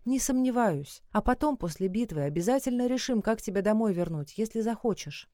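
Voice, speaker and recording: Woman reading a kind motherly dawn goddess, soft soothing and melodic, warm dry voice. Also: fairly high pitch, expressive, fairly quick, dry recording, lightly acted.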